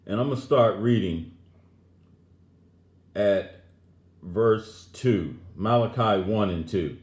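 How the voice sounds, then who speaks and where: A man with a low voice preaches a Bible lesson with emphasis. He reads scripture aloud and breaks in to comment on it. The recording has a roomy echo. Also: lively intonation, slow, a little mellow. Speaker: religious teacher.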